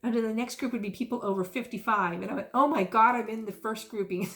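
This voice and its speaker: Speaking fast in a fairly bright, high-leaning voice, a South Texas woman in her 50s chats loosely on her stitching vlog. She wanders into homespun, self-amused tangents.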